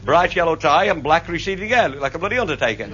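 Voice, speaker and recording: Brief: earthy raconteur, high and animated, muffled hissy live tape. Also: male voice. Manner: broad, earthy, swears freely, voices the people in his tales. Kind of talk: comic storytelling to a live audience. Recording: muffled old live recording with audience laughter.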